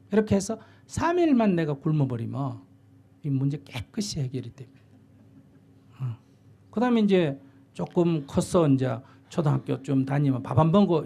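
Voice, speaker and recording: A man's voice: on the high side, gravelly, dark tone, breathy edge. An older man, a Buddhist monk, giving blunt, plain-spoken advice in a dharma talk and acting out what parents and children say. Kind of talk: dharma talk answering a question.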